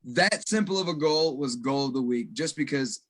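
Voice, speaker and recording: A man's voice: medium pitch, moderate pace, a bit bright. An American man, a guest on a podcast, telling stories in a rambling, casual way. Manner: rambling, many restarts and likes.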